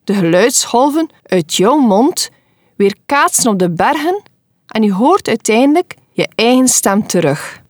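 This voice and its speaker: A woman's voice: on the high side, sing-song, unhurried, dry recording, clean studio sound. A woman reading the part of a patient father explaining something to his son in a spoken devotional story.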